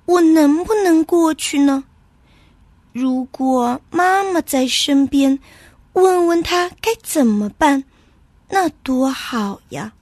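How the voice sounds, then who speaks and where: A woman voicing a young male pony in a storybook tale, timid and unsure, with a high chirpy voice. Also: animated, slow, darkish tone, no room sound. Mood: eager.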